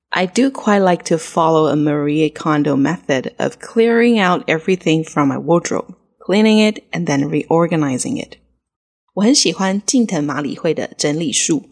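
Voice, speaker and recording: Husky low-voiced woman teaching English. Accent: Taiwanese Mandarin. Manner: explains words slowly and clearly. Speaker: podcast co-host teaching English. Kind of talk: casual language lesson.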